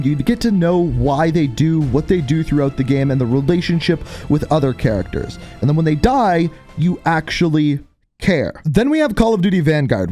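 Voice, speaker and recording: A man's voice: fairly high pitch, dark tone. A man narrating a scripted video game review essay, stressing key words emphatically. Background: background music.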